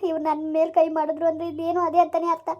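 A woman's voice: very high-pitched, monotone, rapid-fire, a little mellow, muffled recording. A woman playing a wronged young village wife, pleading and tearful in a family drama. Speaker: daughter-in-law Sunita in a family skit.

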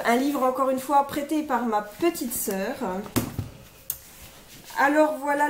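A young woman vlogger casually presenting her book pile, hesitant and full of fillers as she names title after title. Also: on the high side. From France. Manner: hesitant, many fillers, lists titles one by one. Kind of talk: casual chat presenting books. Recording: echoey room, faint noise.

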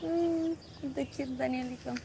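A woman's voice: high voice, steady tone, unhurried, vocal fry, background noise. An actress in her twenties with a Colombian accent, playing a playful young woman teaching a visitor to pronounce words. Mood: chatty. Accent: Colombian Spanish. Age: 20s. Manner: teasing, patient, laughs easily. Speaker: lead character. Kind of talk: film dialogue.

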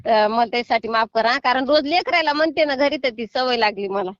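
A woman's voice: fairly high pitch, fairly quick, fairly bright tone, dry recording. A middle-aged woman on a phone call, scolding at first and then pleading and apologizing. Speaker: prank call target. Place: sitting in a field.

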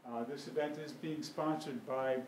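An older man, the moderator of a public candidates forum, explaining the rules at a podium microphone in a relaxed, halting way with many fillers. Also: medium pitch. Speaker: event moderator. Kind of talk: opening remarks at a public forum. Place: school meeting room, at a podium. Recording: roomy hall with faint room noise.

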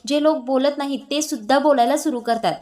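A woman's voice: sits high, a little fast, dark tone, lightly acted. A woman voicing a caring young sister-in-law who keeps asking earnest, coaxing questions.

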